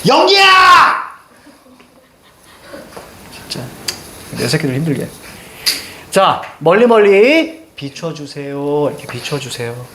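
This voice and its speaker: A male literature teacher giving a lecture to students, animated and joking, with sudden loud outbursts. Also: fairly high pitch, unhurried, background noise.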